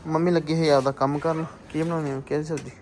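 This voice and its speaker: A man's voice: on the high side, flat delivery, quick pace, darkish tone. Chatty man vlogging over noise. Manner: chatty, talks to the camera. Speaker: vlogger, new father. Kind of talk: casual family vlog chat. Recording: noisy recording.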